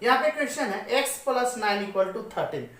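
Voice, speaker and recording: Woman maths teacher, higher voice, questions and answers for the class, roomy echoey recording. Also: lively intonation, a little fast, fairly bright tone. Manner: asks the class questions and answers them herself. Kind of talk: classroom-style maths lesson. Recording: echoey room, voice away from the mic.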